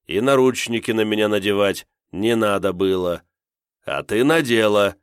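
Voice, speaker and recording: A man voicing a calm, menacing male captor who speaks slowly and mockingly. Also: on the low side, clean tone, no room sound, clean studio sound, lightly acted. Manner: slow, drawling and mocking.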